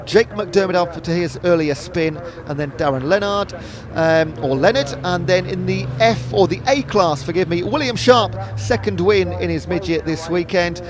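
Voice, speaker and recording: Race commentator over crowd noise. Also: male voice, sits high, moderate pace. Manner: reading results, self-correcting. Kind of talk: motorsport commentary.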